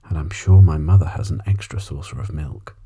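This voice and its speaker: A man voicing an eager, kind little boy in a storybook, speaking softly and breathily with earnest wonder. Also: extremely low pitch, a little fast, breathy edge, full character voice. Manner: earnest, wistful. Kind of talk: ASMR storybook reading.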